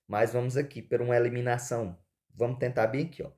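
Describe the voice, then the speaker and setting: A teacher walks through exam answers in a mellow, relaxed voice. His pitch sits in the middle for a man. He asks himself questions, repeats each key word several times and keeps checking in with his listeners. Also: fast.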